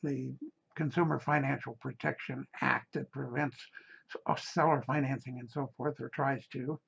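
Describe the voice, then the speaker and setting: A man with a gravelly voice, speaking casually with many fillers and restarts as he invites listeners to a real estate seminar. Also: medium pitch, little pitch movement, moderate pace, a bit bright, muffled recording. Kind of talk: casual spoken invitation and pitch.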